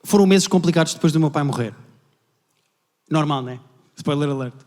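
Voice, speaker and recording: A young man with a European Portuguese accent performing live stand-up comedy, telling family stories at a rapid pace and acting out his relatives. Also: on the high side. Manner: rapid, animated storytelling, acting out family members. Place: large indoor venue with a live audience. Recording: long hall reverb from a live venue.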